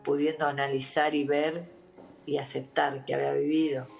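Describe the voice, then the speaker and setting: A woman with an Argentine accent, a doctor giving interview testimony in a halting, reflective way, with many restarts and fillers. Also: low voice, little pitch movement, gravelly, a little mellow, soft background music. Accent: Argentine Spanish.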